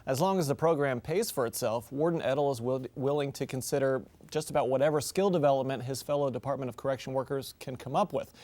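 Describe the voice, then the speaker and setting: A male news reporter reading a scripted story in a crisp, measured way. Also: medium pitch, a little mellow, no echo. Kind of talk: scripted news narration, then casual studio chat.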